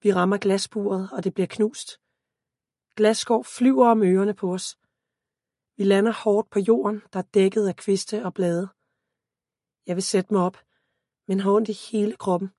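A woman reading a first-person story aloud as an audiobook narrator, in a calm, steady voice. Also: medium pitch, dry recording, studio quality.

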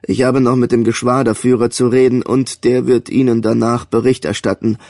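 Brief: male reader doing a hard-faced older commander, dark voice, dry sound, barking then grave and slow. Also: medium pitch, little pitch movement, dry recording, lightly acted. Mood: solemn, measured. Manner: barks commands, then slow solemn speech.

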